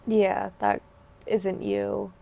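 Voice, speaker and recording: A woman's voice: medium pitch, level tone, very slow, vocal fry, warm tone. A woman hosting a podcast, chatting earnestly and supportively in long, winding sentences. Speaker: podcast host. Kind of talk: casual interview chat.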